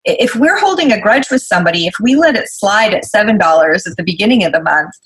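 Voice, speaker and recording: A woman's voice: medium pitch, lively intonation, fast talker, a bit bright, poor audio. A woman guest in an interview, explaining conflict at work in an articulate, conversational way and acting out quoted emails.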